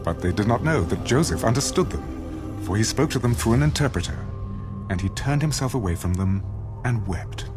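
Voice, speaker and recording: A man with a low voice narrates scripture as solemn audio theater over a loud, prominent music bed. His scripted delivery is fairly quick, with lively, widely varied pitch and a solemn storytelling manner.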